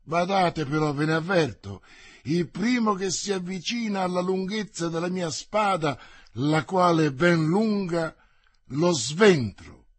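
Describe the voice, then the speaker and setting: A man voicing a bold, quick-tempered swordsman who answers threats with mockery, in an audiobook. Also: high-pitched, no echo. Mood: defiant. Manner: defiant, mocking, boastful.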